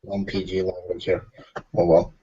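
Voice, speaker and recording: A man's voice: low voice, monotone, unhurried, warm tone, breathy edge. A man taking his turn in a tabletop role-playing game, speaking casually and loosely with plenty of filler words. His voice comes through a dull, lo-fi voice chat line. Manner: casual, fills with "you know". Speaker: player.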